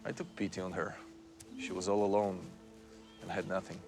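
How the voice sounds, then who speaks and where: An actor playing a solemn troupe leader in a period TV drama. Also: male voice, low voice, level tone, moderate pace, vocal fry, over music.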